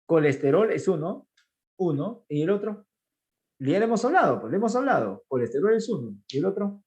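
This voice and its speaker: A biology teacher talks through his class with bounce and energy, tossing questions out and answering them himself. His voice sits a little high for a man. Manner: animated, asks and answers his own questions, voicing students. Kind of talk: online class lecture.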